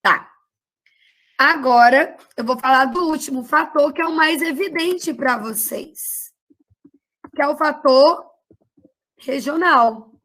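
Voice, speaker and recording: A woman's voice: high voice, slow, pauses often, a bit bright. A woman teacher with a Cearense Brazilian accent, explaining a lesson in a chatty, affectionate way to her class. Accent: Cearense Brazilian Portuguese. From Ceará, Brazil. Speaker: Portuguese teacher. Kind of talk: online class lecture.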